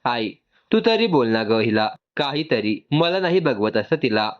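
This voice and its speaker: A man's voice: mid-range voice, sing-song, measured pace, muffled recording. A man voicing a soothing, apologetic young man in a read-aloud story. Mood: gentle. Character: gentle reassuring young man.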